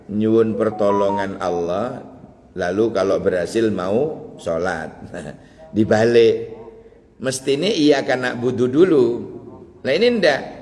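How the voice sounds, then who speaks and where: A man's voice: fairly low pitch, a little mellow, long reverb tail. A man with a Javanese accent giving a dawn study sermon, teaching in a folksy way with chuckles and Javanese asides. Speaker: preacher.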